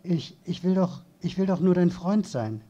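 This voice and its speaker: A man's voice: sits high, expressive, normal speed, mellow, dull audio. Man reading as a whimpering, pleading boy. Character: frightened young boy, pleading.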